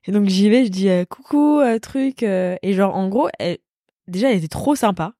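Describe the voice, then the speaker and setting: A young woman from Paris tells a story to her podcast co-host at a rapid clip, packing in fillers and playing out quotes from the scene. Her tone is on the darker, mellow side, recorded close and dry. It sounds like a relaxed chat between friends. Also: mid-range voice, dry recording. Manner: rapid, filler-heavy, lively retelling with acted-out quotes.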